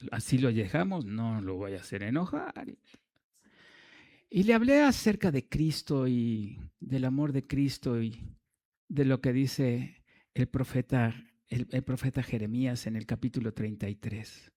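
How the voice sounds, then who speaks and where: A man's voice: mid-range voice, animated, a little slow, dark tone. A man preaching a sermon in a church, telling a story with humor and asides to the congregation.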